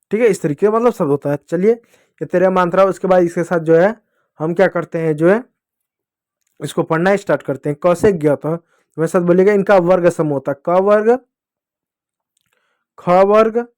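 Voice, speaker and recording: A man teaching young children to read, speaking slowly and repeating each syllable for them to say after him. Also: high-pitched, a little mellow. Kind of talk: Hindi reading lesson for children.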